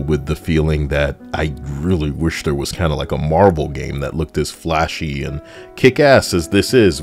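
Close on the mic, a man hosts casual, sardonic video game commentary that tends to ramble. His voice is a low rumble with a darkish tone, and music plays behind him.

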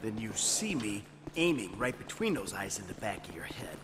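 A cool, menacing heist leader. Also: male voice, high voice, normal speed, background noise. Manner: calm, commanding, threatening. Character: cool-headed male heist leader, middle-aged, menacing. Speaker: bank robber leading a heist.

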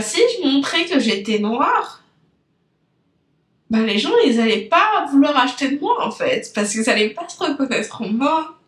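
A woman's voice: high voice, fairly bright tone, roomy sound. Chatty French woman with a rambling podcast monologue. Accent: French from France. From France. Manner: rambling, chatty, loses her thread and digresses; talks directly to listeners with frequent fillers. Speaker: business coach and podcast host. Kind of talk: unscripted casual podcast monologue.

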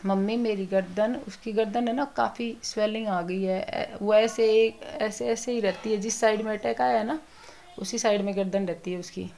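A woman giving a soft-spoken, worried family update in a casual vlog, rambling on in long runs. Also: medium pitch, steady tone, moderate pace, creaky, a little hiss or hum. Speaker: vlogger.

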